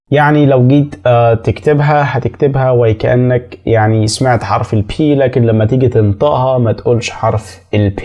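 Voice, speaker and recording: A man with an Egyptian Arabic accent teaching an English pronunciation lesson, explaining step by step and repeating sounds slowly to demonstrate them. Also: medium pitch, warm tone.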